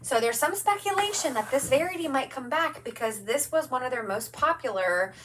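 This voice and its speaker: A woman's voice: high-pitched, animated, normal speed, fairly bright tone. A woman hosting a home craft livestream, chatting with viewers in a bubbly, enthusiastic way. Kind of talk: upbeat livestream sales chat. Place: home, at her craft table. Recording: distant mic with faint room noise.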